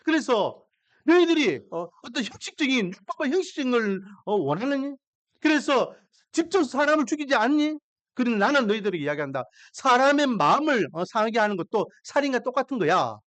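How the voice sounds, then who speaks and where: A man preaches a sermon, his pitch rising and falling with lively emphasis. He keeps putting questions to his listeners. The recording is dry and close. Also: dry recording. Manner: emphatic, asks the congregation questions. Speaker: pastor.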